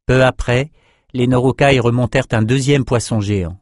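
A man narrating an audiobook in a measured, steady reading style. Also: medium pitch, no room sound, studio quality. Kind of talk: scripted narration.

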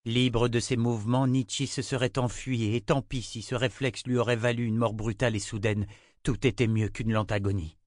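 A man narrating a dark fantasy audiobook in steady, measured storytelling. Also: medium pitch, dry recording, studio quality. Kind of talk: scripted narration.

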